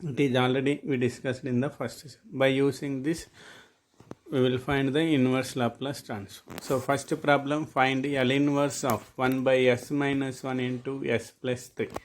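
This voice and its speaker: A man's voice: medium pitch, level tone, normal speed, a little hiss or hum. A man with an Indian Telugu accent, a native Telugu speaker, teaching a maths lesson and dictating formulas step by step. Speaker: mathematics lecturer. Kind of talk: classroom-style maths lesson.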